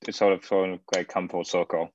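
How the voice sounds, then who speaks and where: A deep-voiced man in casual music talk. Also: level tone, a little fast, a little mellow, highs cut off, a little hiss or hum. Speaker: music analysis co-host. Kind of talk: casual analytical chat.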